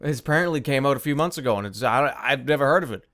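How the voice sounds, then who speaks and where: A man's voice: medium pitch, lively intonation, rapid-fire, a bit bright. A man doing comedic gameplay commentary as a streamer, incredulous, exasperated and sweary. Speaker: gaming streamer.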